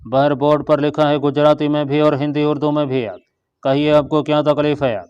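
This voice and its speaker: A middle-aged healer speaks with brusque irritation, as a man reading the story gives him voice. The tone stays flat and clean over a somewhat dull recording. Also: on the high side, normal speed, smooth, dry recording, lightly acted. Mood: curt. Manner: brusque, grudging. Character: middle-aged male herbal healer, curt and displeased.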